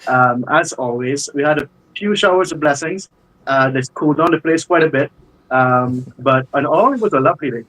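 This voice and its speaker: A man's voice: on the high side, moderate pace, a bit bright, rough recording. A man, a guest telling his life story in a casual interview over a video call, with many hesitations and fillers. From Barbados. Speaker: guest, business owner.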